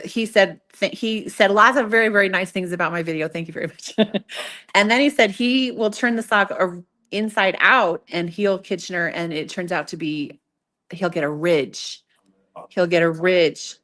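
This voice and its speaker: A woman's voice: on the low side, fairly bright tone. Chatty woman teaching a live craft workshop. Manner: chatty, self-interrupting, playfully self-mocking. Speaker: craft instructor demonstrating sock knitting. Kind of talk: live workshop demonstration with casual chat. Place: live in-person event with an audience. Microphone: event microphone.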